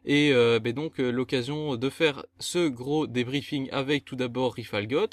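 A man's voice: medium pitch, measured pace, loud music behind the voice. A man hosting a gaming podcast, chatting casually and teasing his co-hosts with exasperated banter. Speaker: podcast host. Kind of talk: casual chat.

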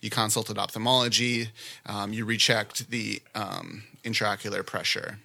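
A man's voice: lowish voice, little pitch movement, moderate pace, vocal fry, sharp tone. A man running a practice case as examiner, chatting casually and explaining with everyday analogies. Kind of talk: casual teaching and feedback.

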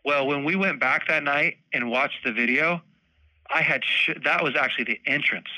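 Male guest, casual storyteller, bright forceful tone, dry close sound. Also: a little high, normal speed, dry recording, low-quality recording. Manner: animated, laughs often, acts out moments. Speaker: podcast guest, bowhunter.

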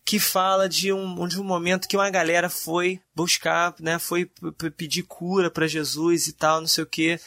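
A man's voice: high voice, pushed and bright, no echo, studio quality. A Brazilian man chatting about faith in a laid-back, slangy, joking way. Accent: Brazilian Portuguese. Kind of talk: casual faith discussion.

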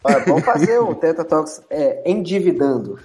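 A man co-hosting a podcast, animated and quick to laugh in casual chat. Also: a little high. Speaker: podcast co-host.

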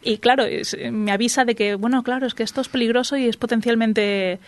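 A woman's voice: on the high side, fairly even intonation, fairly quick, no echo. A woman co-hosting a casual podcast chat, explaining computer security with frequent restarts and fillers. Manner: explains technical security topics with many restarts. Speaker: podcast co-host.

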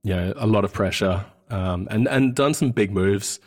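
A man in his thirties, Australian but New Zealand-born, talks at a moderate pace in a fairly low voice. He's a guest in a casual podcast interview and hesitates often, feeling around for words.

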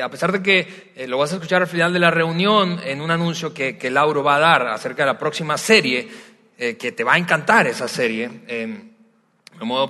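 A man from Venezuela, preaching a sermon in a relaxed, storytelling way, often pausing with hesitations. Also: on the high side. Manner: warm, conversational storytelling with frequent hesitations. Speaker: pastor. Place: large church hall. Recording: long hall reverb from a large church.

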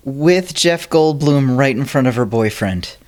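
A podcast co-host chatting casually, with deadpan, blunt jokes and stammered restarts. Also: medium pitch, a little slow. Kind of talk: casual chat.

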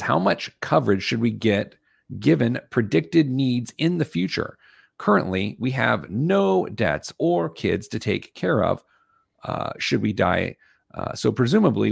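A man with a hoarse, gravelly voice that is giving out, hosting a casual podcast in a jokey, self-deprecating way. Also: lowish voice, no echo, studio quality. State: losing his voice. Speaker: podcast host.

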